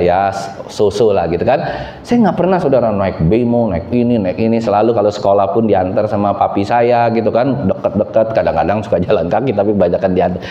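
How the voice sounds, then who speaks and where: A middle-aged man preaching a sermon, telling stories animatedly and speaking directly to his congregation. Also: a little hiss or hum. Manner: animated storytelling, voices quotes higher. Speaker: pastor. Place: church hall. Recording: echoey church hall, slightly dull sound.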